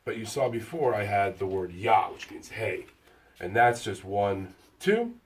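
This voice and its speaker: A man teaching a casual lesson, explaining step by step in a relaxed, halting way with fillers. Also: fairly low pitch, recorded from a distance.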